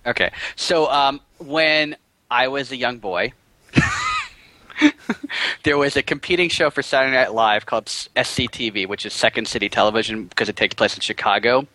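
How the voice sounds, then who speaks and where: A man co-hosting a casual movie podcast, explaining scenes with quick restarts. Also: mid-range voice, sharp tone, dry recording, rough recording. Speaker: podcast co-host.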